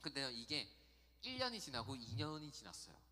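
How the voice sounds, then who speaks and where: A man giving a youth sermon in a church, chatty and animated, telling stories and acting out quotes. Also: mid-range voice, a little fast, big-room sound. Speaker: youth pastor. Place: church sanctuary.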